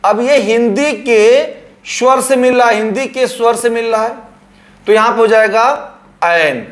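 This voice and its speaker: A man's voice: very high-pitched, unhurried, a bit bright. A male teacher explaining grammar at a board, repeating words and drawing them out.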